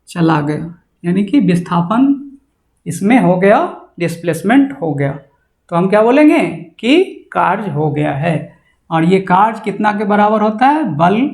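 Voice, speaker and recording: A man's voice: sits high, vocal fry. A male physics teacher lectures at a board. He keeps firing rhetorical questions at his students and answers them himself. His voice rings in an echoey classroom. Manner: drilling with constant rhetorical questions.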